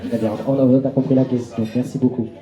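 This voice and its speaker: A man's voice: mid-range voice, flat delivery, quick pace, dull audio, crowd noise. A man hosting a book talk and event. He talks loosely and keeps saying "donc" as a filler. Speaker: event host. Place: event hall. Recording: roomy hall sound.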